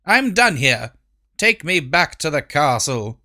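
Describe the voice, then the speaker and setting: A man voicing a haughty, menacing evil queen with a sharp, commanding manner in a storybook reading. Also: on the high side, big pitch swings, takes it slowly, exaggerated voice.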